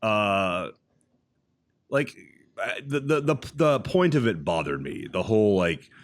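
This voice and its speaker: A man's voice: fairly low pitch, sing-song, a little slow. A man co-hosting a casual podcast chat, blunt and crude, rambling with restarts. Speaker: podcast co-host.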